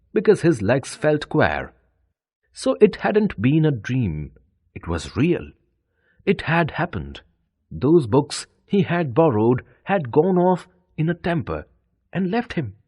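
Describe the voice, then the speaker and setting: A man tells a children's story in a fairly high, slightly rough voice. He speaks deliberately and expressively, his intonation very animated. The recording is dry and close, with no room sound.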